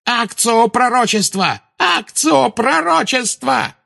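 Bellatrix, a shrill witch, as a man puts her on. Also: very animated, a little slow, a bit bright, husky, exaggerated voice. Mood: shrieking. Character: shrieking frantic female witch, fanatical.

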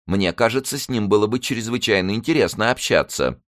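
A man's voice: on the low side, expressive, fairly quick, dry recording, studio quality, pitched above the performer's own voice, close to an everyday voice. A man reading an audiobook, voicing a fussy, effeminate middle-aged shopkeeper in an affected manner. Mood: prying.

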